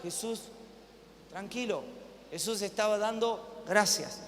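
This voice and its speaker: A man's voice: sits high, takes it slowly, fairly bright tone. A male pastor with an Argentine accent, preaching emphatically to a congregation, repeating phrases and calling for amens. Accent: Argentine Spanish. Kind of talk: live sermon. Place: church hall with congregation. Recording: hall reverb, faint room noise.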